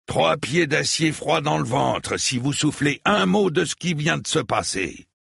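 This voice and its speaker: A man's voice: fairly high pitch, expressive, measured pace, creaky, a bit bright, husky, no echo, clean studio sound, voice pushed up, heavily acted. Man voicing a scornful, menacing lord. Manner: cold, clipped, menacing. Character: stern proud male lord, scornful and threatening.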